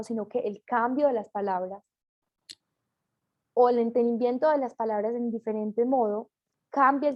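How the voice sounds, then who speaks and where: A woman's voice: fairly high pitch, dark tone. A woman reading a class presentation aloud, with small slips and self-corrections as she goes.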